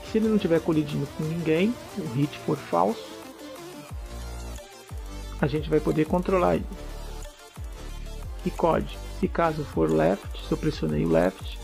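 Gravelly man teaching code. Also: on the high side, a little slow, pauses often, soft background music. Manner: relaxed, explains step by step with frequent "né?" checks. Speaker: programming tutor. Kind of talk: casual screencast coding tutorial.

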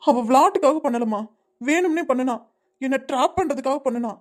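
A woman voicing a young adult son who earnestly pleads with his mother in an animated web series. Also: high-pitched, fairly quick, natural voice. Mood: pleading.

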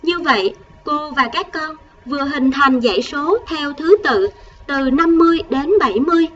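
A woman primary school teacher giving a recorded math lesson to first graders, counting patiently and gently coaxing the children along. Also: sits high, moderate pace, distant mic, highs cut off, slight background noise.

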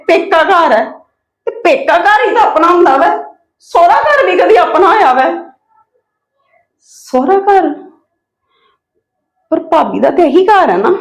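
A woman plays a high-voiced, headstrong unmarried sister-in-law in a web family drama. She argues defensively and slips into self-pity, insisting she has been kind. The voice sits well above the usual range for a woman. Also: roomy sound. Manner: defensive, pleading and self-pitying. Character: stubborn unmarried sister-in-law who feels wronged.

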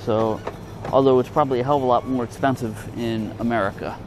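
This fast-talking vlogger has a mid-range voice with fairly even intonation, showing viewers around a large supermarket. His commentary is casual and hesitant, breaking off into fragments, recorded from behind a handheld camera amid clear store ambience.

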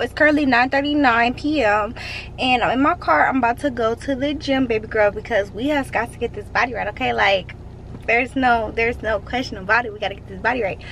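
A woman's voice: on the high side, slight background noise. A young woman chatting casually to her viewers in a vlog, partly from her car, talking into a phone held at arm's length. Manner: chatty, playful, talks straight to viewers. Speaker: vlogger.

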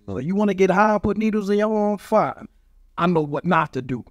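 Animated and a little fast, this Brooklyn graffiti artist, a middle-aged New Yorker with a high-sitting voice, trades bawdy street stories as a podcast guest, brash, bragging, and slangy. He talks into a boom-arm studio mic in a small studio lined with foam panels, with no room sound.

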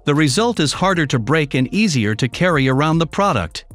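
A man giving scripted voice-over narration for a product review, in an even, read-aloud listing delivery. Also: fairly high pitch, fairly quick. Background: faint background music.

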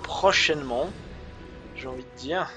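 A man's voice: medium pitch, measured pace. A man giving live play-by-play commentary on an esports match, hesitant with many fillers, speeding up during big plays. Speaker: esports caster. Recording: commentary over loud game music.

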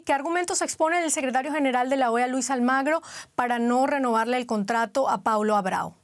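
A woman's voice: sits high, a little fast, no echo. Woman news presenter with a dry studio sound. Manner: crisp, formal news-presenter delivery. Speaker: news interviewer, host. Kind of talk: scripted news interview.

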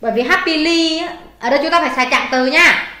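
A woman's voice: high-pitched, quick pace, bright, forceful tone, reverberant. A woman with a Vietnamese accent tutoring a child in English, prompting answers and explaining grammar patiently. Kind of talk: one-on-one tutoring, going through a test.

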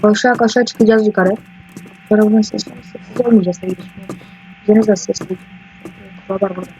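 A man doing casual let's-play commentary, rambling and excitable, often swearing at the game. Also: sits high, quick pace, faint music behind. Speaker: gaming YouTuber. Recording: dull lo-fi mic with faint hiss.

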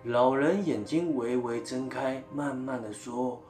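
A man narrating a ghost story as channel host, telling it in a dramatic, animated way. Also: mid-range voice, a little slow. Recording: roomy, faint background music.

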